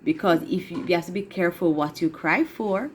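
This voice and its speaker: A woman telling a children's story with a puppet, lively and asking the young audience questions. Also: lowish voice, a little fast, husky. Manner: animated, addresses children directly with questions.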